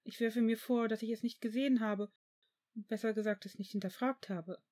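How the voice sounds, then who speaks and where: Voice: mid-range voice, steady tone, fairly quick, a little mellow, voice pushed up, lightly acted. A reader voicing a worried, pleading female teacher in a fan fiction audiobook. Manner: hesitant, pleading.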